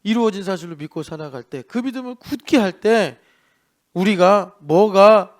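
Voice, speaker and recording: A middle-aged male pastor preaching a sermon at a church service, animated, acting out the devil and complaining people in little voices. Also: sits high, moderate pace.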